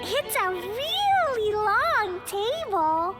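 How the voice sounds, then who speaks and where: A woman voicing a tiny, excitable fairy companion girl who talks about herself in the third person, in a video game. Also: extremely high pitch, drawn-out words, loud music behind the voice, exaggerated voice. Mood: curious.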